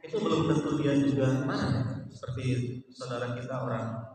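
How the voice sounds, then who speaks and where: Give me a man giving a lively mosque sermon, heard from a distance in a long-echoing hall. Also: mid-range voice, moderate pace, a little hiss or hum. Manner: lively storytelling, mimics voices, chants Arabic phrases. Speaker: preacher. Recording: echoey hall from far off.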